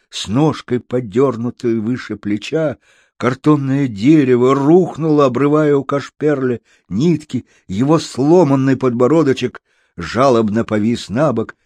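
A man narrating a story aloud, lively and slipping into voices for the characters. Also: mid-range voice, no echo. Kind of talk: storybook reading.

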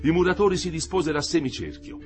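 A man reading a literary novel aloud with an expressive, dramatic delivery. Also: a little high, quick pace, faint music behind. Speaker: audiobook reader.

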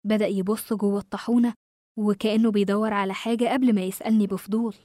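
A woman with an Egyptian Arabic accent narrating a horror story in a steady, suspenseful tone. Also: medium pitch, fast, dry recording, clean studio sound.

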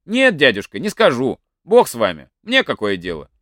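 A man's voice: medium pitch, wildly swooping pitch, moderate pace, a bit bright, no echo. A man voicing a sly young village lad in a folk tale, bold and cheeky.

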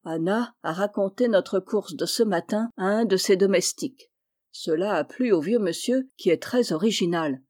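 A woman reading the part of a kind mother of four daughters, calm and reassuring. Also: medium pitch, moderate pace, close to an everyday voice. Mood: gentle.

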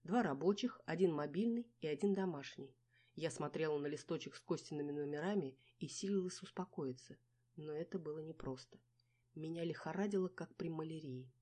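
A woman reading a first-person novel aloud as narrator, in a wry, lively storytelling manner. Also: low voice, fairly quick. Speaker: audiobook narrator.

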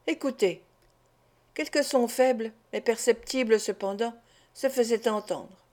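A woman narrating an audiobook in a measured, expressive way. Her voice sits a little higher than average. She reads steadily, with a scripted storytelling cadence. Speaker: audiobook reader.

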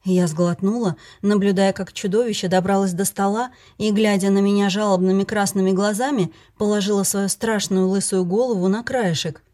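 A woman's voice: mid-range voice, steady tone, moderate pace, hardly any pauses, mellow. A woman reading a first-person fantasy story aloud, giving the characters' lines with little change of voice. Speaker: audiobook narrator.

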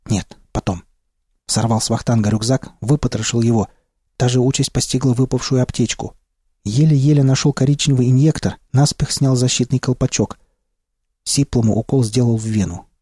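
A man narrating a first-person audiobook in a steady, low-key way. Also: a little fast, husky, no echo, studio quality.

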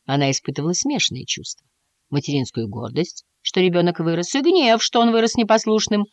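A woman narrating a children's audiobook with an expressive, lively reading. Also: fairly low pitch, fairly quick, no room sound. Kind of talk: storybook narration.

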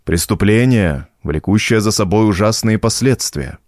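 A man voicing an old village priest, gentle but firm, speaking in a calm preaching tone. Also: lowish voice, moderate pace, no echo, studio quality. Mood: solemn.

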